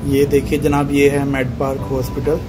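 A Pakistani motorbike vlogger with a medium-pitched voice keeps his delivery completely flat at a moderate pace. He gives casual commentary while riding and points out passing sights to viewers, with music and vehicle sounds in the background.

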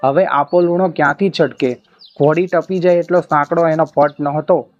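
A man telling a folk tale as a steady storytelling narration. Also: a little high, normal speed. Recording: muffled with faint music behind.

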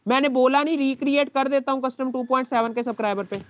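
A man with a Pakistani Urdu accent, a game streamer talking to his live chat in an exasperated, complaining way, his throat dry from shouting. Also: extremely high pitch, fast talker, slight background noise. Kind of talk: live gaming stream talk.

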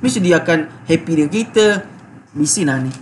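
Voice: mid-range voice, lively intonation, fairly quick, a little hiss or hum. A coach with a Malaysian Malay accent giving a live sales coaching talk in a chatty, fervent and emotional way, laughing often, recorded on a phone. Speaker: online business coach.

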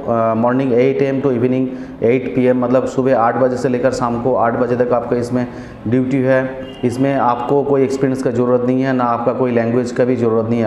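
Speaking to camera about available jobs, this forties-aged channel host and visa agent is steady but repetitive, frequently restarting and using fillers. His medium-pitched voice comes through a lapel mic as dull audio, with echo and faint noise from the small office.

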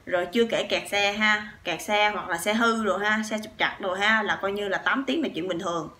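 A woman from southern Vietnam with a Southern Vietnamese accent, telling a story to her viewers in a chatty, animated way full of fillers and asides. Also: mid-range voice, fairly quick, slight background noise. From Sóc Trăng, southern Vietnam. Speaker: vlogger.

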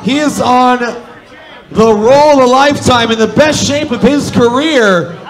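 A man doing excitable, profane live wrestling play-by-play commentary. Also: very high voice, measured pace. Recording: loud crowd and music at a live venue.

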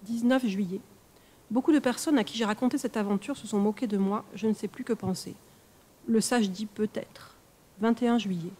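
A woman reading a first-person horror story aloud in a measured, expressive storytelling manner for a live stream. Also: mid-range voice. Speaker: reader.

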